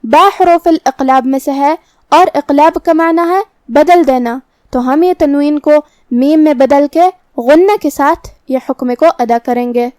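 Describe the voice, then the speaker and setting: Female tajweed teacher, high voice, careful step-by-step explanations. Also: a little mellow, no echo, clean studio sound. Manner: explains each letter rule methodically, then recites words slowly. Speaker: Quran recitation teacher. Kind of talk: tajweed lesson with slow recited examples.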